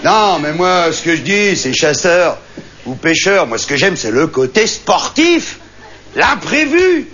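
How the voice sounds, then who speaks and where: A man's voice: sits high, sing-song, a little slow. A man performing a comic monologue as a boastful, chatty storyteller on stage. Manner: boastful hunting-and-fishing bragger, chatty, colloquial. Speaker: stand-up comedian. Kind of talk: comic monologue to a live audience. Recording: dull live recording with loud audience. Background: audience laughter.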